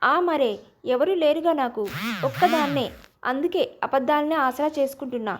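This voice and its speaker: A woman voicing a young wife who is hurt, proud and quick-tempered, speaking sharply and curtly, in a storybook reading. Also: high voice, close to an everyday voice.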